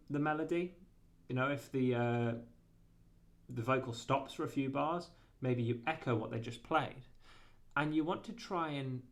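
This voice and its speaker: A man giving a casual guitar lesson, rambling and correcting himself often, with lots of fillers. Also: medium pitch. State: has the hiccups. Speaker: guitar teacher.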